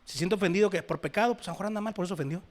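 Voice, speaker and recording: A man preaching a sermon, his voice sitting a little high for a man. He swings from loud, emphatic exhortation to quieter, conversational asides to his congregation. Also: very fast. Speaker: pastor.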